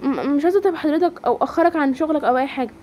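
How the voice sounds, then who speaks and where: A woman with an Egyptian Arabic accent voicing a timid young woman who stammers in a high, fearful voice. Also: very fast, mellow, lightly acted. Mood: polite. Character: timid young woman, frightened then shy.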